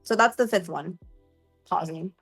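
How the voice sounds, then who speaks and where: Expressive woman teaching sales delivery. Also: measured pace, creaky, husky, soft background music. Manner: expressive, shifting pace and pitch to demonstrate. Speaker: sales trainer.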